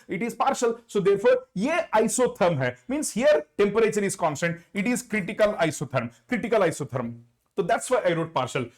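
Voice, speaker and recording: A man with an Indian accent teaching an engineering class, switching between Hindi and English and repeating phrases to reassure his students. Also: sits high. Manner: repetitive, reassuring, calls students "sirs". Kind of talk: lecture mixing Hindi and English.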